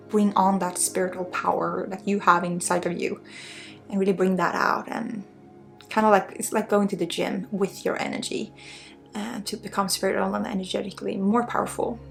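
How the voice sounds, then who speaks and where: A Swedish woman with a Swedish accent and a mid-range voice speaks as a spiritual healer in an intimate ASMR energy-healing style. She drifts between soft speech and breathy whispers.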